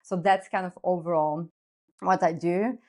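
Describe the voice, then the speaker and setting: A woman in her thirties speaks English with a Portuguese accent, her voice sitting a little low for a woman. She explains things earnestly and at length, with the odd filler and restart, as a podcast guest. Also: fairly even intonation, measured pace, a little mellow. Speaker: guest, lifestyle coach. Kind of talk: podcast interview.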